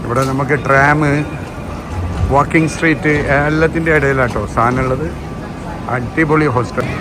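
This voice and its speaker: A man's voice: mid-range voice, steady tone, normal speed, over music. A man with a Malayali accent giving casual, chatty travel vlog commentary, mixing English words into his Malayalam and often tossing short questions to viewers. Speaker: travel vlogger. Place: outdoors on city streets. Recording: noisy outdoor street and traffic ambience.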